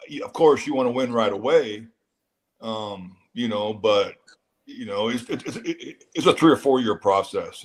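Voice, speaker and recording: A man who once worked in an NFL front office, talking football in casual chat and repeating words as he builds a point. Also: medium pitch. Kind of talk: casual sports talk.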